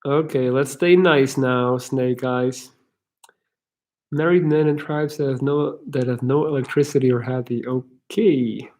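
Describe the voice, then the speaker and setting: A man's voice: medium pitch, fairly even intonation, unhurried, darkish tone. A man from Belgium with an American accent, hosting a casual live chat and answering viewers' questions in a frank, rambling way that restarts often.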